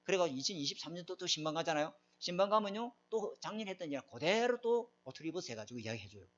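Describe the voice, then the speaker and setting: A man's voice: a little high, very animated, fast talker, a bit bright. A middle-aged man preaching a sermon, emphatic and often asking his congregation questions. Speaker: pastor. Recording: dull lo-fi recording.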